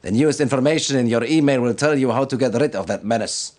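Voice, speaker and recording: Playing a stern military commander in a video game, a man briefs his officers formally and deliberately, like someone accustomed to giving orders. His natural, mid-range voice has a darkish tone and sounds solemn and devout. The mood is grave and measured.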